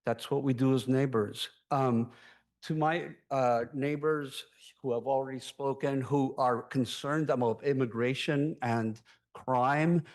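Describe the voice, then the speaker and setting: A man in his sixties from Chile giving public comment at a city council meeting, speaking haltingly with many ums and pauses. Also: mid-range voice, steady tone.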